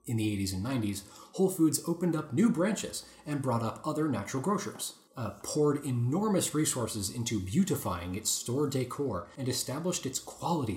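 A man hosting a podcast, reading an article aloud in a casual chat with lively asides. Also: mid-range voice. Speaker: podcast host. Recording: roomy echoey room.

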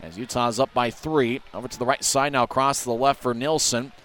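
A man giving rapid hockey play-by-play commentary as a game commentator, ready to burst into shouts on big chances. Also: medium pitch, fairly even intonation, a little hiss or hum.

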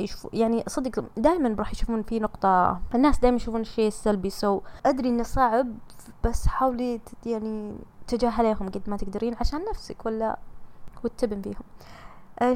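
A woman's voice: fairly high pitch, darkish tone. A young Saudi woman with a Gulf accent, hosting a casual solo podcast and chatting in a teasing, comforting way. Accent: Saudi Gulf Arabic. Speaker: podcast host reading listener messages.

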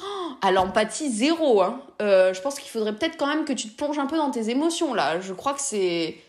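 A woman's voice: fairly high pitch, animated, moderate pace, close to an everyday voice. A woman putting on the voice of a judgmental woman who indignantly scolds someone for having no feelings, in an exaggerated, mocking manner.

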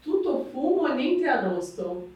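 A woman's voice: sits high, sing-song, unhurried, distant mic, lo-fi sound. Echoey woman quizzing, off-mic. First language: Portuguese. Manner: brief prompts and short replies. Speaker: co-host quizzing the host. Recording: echoey, off-mic, with chatter behind.

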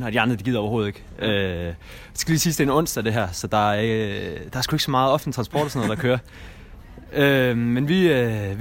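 A young man casually telling a rambling anecdote as a guest, with lots of fillers and restarts. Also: mid-range voice. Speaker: guest storyteller.

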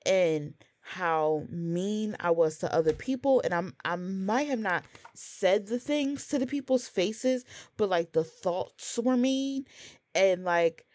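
A woman's voice: medium pitch, takes it slowly, darkish tone. A woman in her thirties on a podcast, talking in a casual, earnest, confessional way with many "like" fillers. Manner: heavy use of "like" fillers, earnest and open. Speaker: podcast co-host.

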